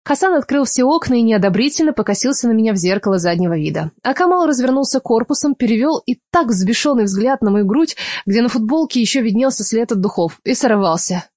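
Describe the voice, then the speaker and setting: A woman's voice: a little high, lively intonation, brisk, hardly any pauses, darkish tone, no echo, studio quality. A woman narrating a novel in the first person, reading expressively with emotion. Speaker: audiobook narrator.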